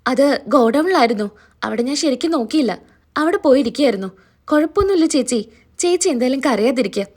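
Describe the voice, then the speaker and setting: A woman retelling a story, voicing a calm man reassuring his sister-in-law. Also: high-pitched, fast talker. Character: calm dependable brother-in-law.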